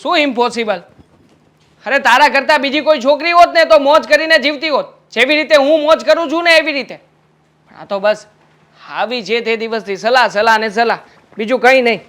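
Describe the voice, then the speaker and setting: A carefree, dismissive young husband. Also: male voice, extremely high pitch, fairly quick, fairly bright tone. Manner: defensive, coaxing. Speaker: actor as the husband. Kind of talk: Gujarati short film acting.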